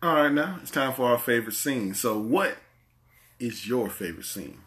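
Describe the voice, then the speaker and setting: A man's voice: mid-range voice, lively intonation, moderate pace, fairly bright tone. A man hosting a casual movie podcast, rambling and repeating his words as he talks. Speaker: podcast host. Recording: echoey room.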